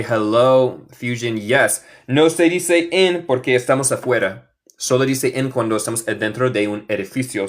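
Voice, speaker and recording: Male American teacher, live online class, slow careful delivery, switches between Spanish and English. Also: mid-range voice. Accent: American English speaking Spanish. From Michigan. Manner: slow deliberate drilling, mixing Spanish and English.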